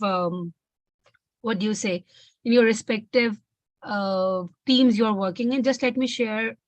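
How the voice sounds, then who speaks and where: A woman's voice: a little high, dry recording, rough recording. A woman hosting an online volunteer coordination call over a video call, talking casually with many fillers and restarts. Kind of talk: casual online meeting talk.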